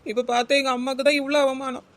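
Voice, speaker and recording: A high, bright and flat-toned cartoon voice of a weepy young village woman, played by a woman. She has a Kanyakumari Tamil accent and rushes through her sulky, tearful complaints. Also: a little hiss or hum, lightly acted. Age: young adult.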